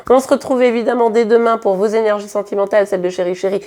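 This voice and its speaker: A woman's voice: mid-range voice, fairly even intonation, rapid-fire, darkish tone. Chatty woman reading tarot cards. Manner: chatty, conversational, frequent hesitations and repeated words; speaks directly to viewers, frequent tag questions. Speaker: tarot card reader. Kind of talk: casual tarot reading to camera.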